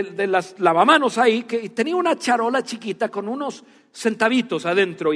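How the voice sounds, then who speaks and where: Pastor, high tenor, earnest storytelling sermon, recorded with hall reverb. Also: male voice. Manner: animated storytelling, then hushed and earnest. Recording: long reverb of a church hall.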